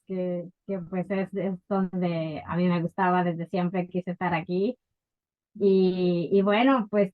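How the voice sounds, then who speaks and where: A woman from Ecuador telling her life story as an interview guest, unhurried and full of fillers. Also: medium pitch, highs cut off. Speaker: guest entrepreneur. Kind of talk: casual interview.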